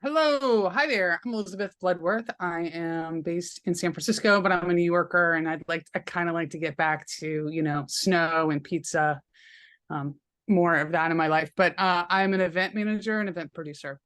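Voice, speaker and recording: A woman's voice: lowish voice, normal speed, a bit bright, clean tone. A woman event manager introducing herself on a video call, friendly and chatty. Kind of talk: casual self-introduction.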